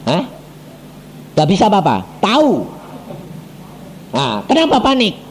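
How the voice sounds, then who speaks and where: A man preaching a sermon as an evangelist, telling stories in an animated way, acting out the voices of the people in them and putting questions to the congregation. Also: sits high, measured pace, slight background noise. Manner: animated storytelling, acts out quoted voices, asks the congregation questions.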